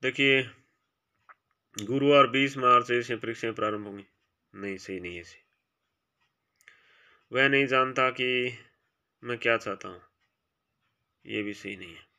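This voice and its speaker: Brief: male teacher, very bright and crisp, reads quiz options aloud, then quietly marks each right or wrong. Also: a little slow, pauses often. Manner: drops quieter and lower for short asides. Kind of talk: exam-prep grammar lesson.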